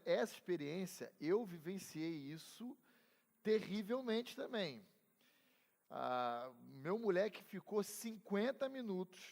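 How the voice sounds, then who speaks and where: This man's voice sits high and is a little mellow. He's a middle-aged Brazilian pastor with a Brazilian Portuguese accent, leading a Bible class in a church hall, where he chats, shares funny personal anecdotes, and questions the class, calling on individual members. The hall's reverberation is audible in the recording.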